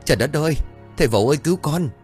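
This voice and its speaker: A man voicing a panicky, cowardly young village husband who shouts and pleads in a high voice. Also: lively intonation, brisk, faint music behind, close to an everyday voice. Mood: terrified. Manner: shrill, frantic yelling.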